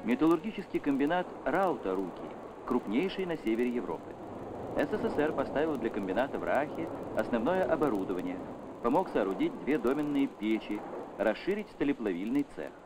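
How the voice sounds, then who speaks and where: A man's voice: mid-range voice, very animated, a little fast, noisy background. A man giving solemn, official narration on an old 1970s newsreel soundtrack. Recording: old newsreel with music underneath.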